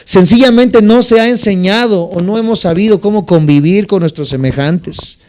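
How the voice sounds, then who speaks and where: A man's voice: sits high, a little mellow. A male pastor, preaching a sermon and asking the congregation rhetorical questions between homely anecdotes.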